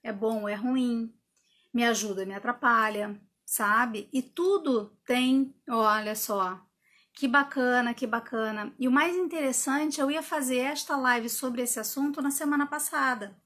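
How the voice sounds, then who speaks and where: A woman's voice: a little high, a little slow, a bit bright. A woman coach giving a casual live talk. She explains with rhetorical questions and tag questions, and acts out her own inner dialogue. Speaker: personal development coach. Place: indoor room with a window.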